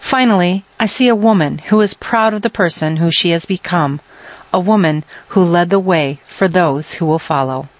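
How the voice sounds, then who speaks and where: A woman reading a personal essay aloud in a measured, earnest way. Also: fairly low pitch, no echo, lo-fi sound.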